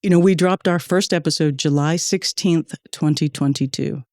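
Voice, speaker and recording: A woman's voice: deep voice, normal speed, darkish tone, no echo, clean studio sound. A woman hosting a podcast in casual chat, talkative and grateful, laughing often between thoughts. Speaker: podcast host and producer. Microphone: studio microphone.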